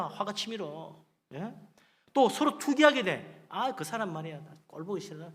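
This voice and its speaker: A man preaching a sermon as pastor, animated, prompting the congregation and acting out boastful people in quick asides. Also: high voice. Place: church sanctuary. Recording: long hall reverb.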